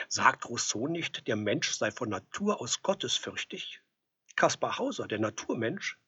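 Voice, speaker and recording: A man narrates a historical tale with dry, knowing irony, his voice deeply husky and rough. His pitch rises and falls in a lively, expressive way. The recording is dull and lo-fi. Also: dry recording. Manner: wry, ironic storytelling. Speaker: storyteller. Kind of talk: scripted narration.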